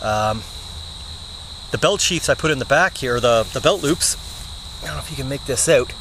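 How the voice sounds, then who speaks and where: A young man who hosts a bushcraft channel sits on the ground in the woods, giving a casual show-and-tell vlog in a mid-range voice at a moderate pace. He's relaxed and plain-spoken, with plenty of "uh" fillers. His camera mic is close, and the outdoor audio picks up chirping crickets and other insects.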